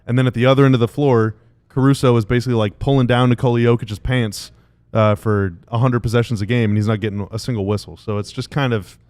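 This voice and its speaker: A man's voice: mid-range voice, fairly even intonation, fast, a little mellow, clean tone, dry recording. A man co-hosting a sports podcast, talking in a casual, opinionated way and repeating phrases for emphasis. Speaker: podcast co-host.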